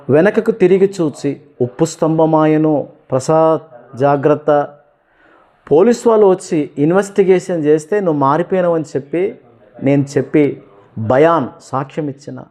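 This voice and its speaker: A man's voice: on the high side, dark tone. Earnest Telangana man giving testimony. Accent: Telangana Telugu. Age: 50s. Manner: earnest storytelling, addresses listeners as beloved.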